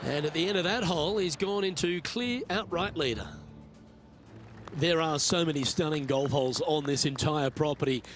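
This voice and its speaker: A man's voice: on the high side, moderate pace, a bit bright, faint music behind. A man giving golf commentary as the lead announcer of a tournament.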